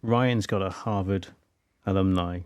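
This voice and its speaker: A man's voice: low voice, steady tone, a little slow, clean tone, no echo, clean studio sound. A man co-hosting a casual film podcast, rambling and often restarting his sentences. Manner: rambling, self-interrupting. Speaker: podcast co-host.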